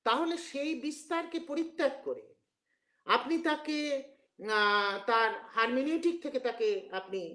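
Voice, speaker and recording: A man's voice: very high voice, a bit bright. A man giving an academic lecture, explaining at length and sometimes chanting verses in a rhythmic way. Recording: roomy echo.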